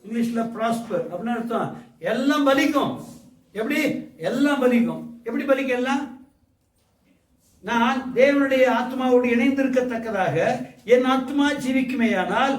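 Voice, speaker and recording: A man's voice: extremely high pitch, normal speed, long pauses. A man preaching as a pastor, asking the congregation questions and repeating his phrases. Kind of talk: sermon. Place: church hall. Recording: echoey hall mic from a distance.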